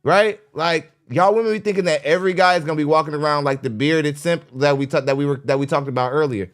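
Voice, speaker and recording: A man's voice: a little high, fast talker. A man hosting a podcast, giving live reaction commentary in a blunt, mocking, preachy way. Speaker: podcast host. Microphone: studio microphone.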